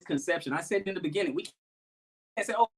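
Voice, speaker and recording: A high-voiced man argues in a heated online panel debate, his points rambling and full of restarts. His call audio keeps breaking up and cutting in and out. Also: fast, slightly rough. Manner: argumentative, rambling with repeated restarts.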